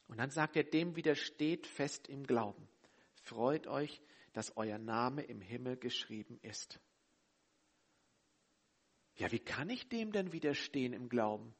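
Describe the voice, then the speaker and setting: Husky, animated man preaching a sermon. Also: mid-range voice. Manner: emphatic, swings between loud urgency and quiet intensity.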